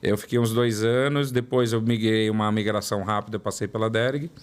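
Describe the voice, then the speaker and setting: A man's fairly low, smooth voice moves briskly with fairly even intonation. He's a São Paulo native in his forties, a product development director appearing as an interview guest, telling his career story in São Paulo Portuguese and repeating words for emphasis.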